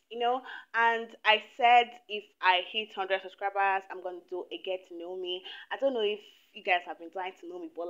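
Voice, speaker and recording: A woman of twenty from Nigeria chatting to camera in a get-to-know-me video, animated and talkative, recorded indoors on a lapel mic. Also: mid-range voice, lo-fi sound. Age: 20s. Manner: chatty, animated, laughs often. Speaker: YouTuber. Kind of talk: casual chat to camera. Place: small indoor room.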